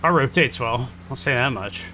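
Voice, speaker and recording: A man's voice: medium pitch, expressive, normal speed. A man streaming sim racing, commenting casually as he drives. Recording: loud engine and hum behind voice. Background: loud car engine.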